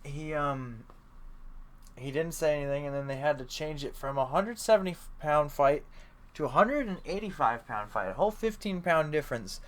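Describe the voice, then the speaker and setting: A man's voice: fairly high pitch, animated, normal speed. A young man co-hosting a sports podcast, chatting casually in a rambling way with lots of fillers and the odd swear. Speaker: podcast co-host.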